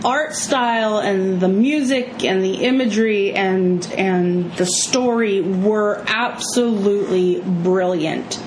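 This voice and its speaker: A middle-aged woman with some vocal fry, chatting casually and emphatically about movies as a review co-host. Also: medium pitch, takes it slowly, few pauses, a little mellow. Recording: echoey room with clear background noise.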